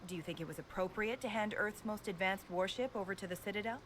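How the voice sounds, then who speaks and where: A woman's voice: mid-range voice, fast, fairly bright tone, a little hiss or hum, lightly acted, poor audio. An actress playing a pushy female news reporter who asks probing, needling questions in a polished way.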